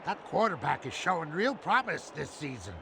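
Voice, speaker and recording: Creaky, doddering old cartoon superhero, Mermaid Man. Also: on the high side, very animated, normal speed, noisy background. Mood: befuddled. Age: older. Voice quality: theatrical, wavering old-man voice. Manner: pompous, absent-minded. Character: doddering, muddled old male superhero, grandly dramatic. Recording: loud music behind the voice.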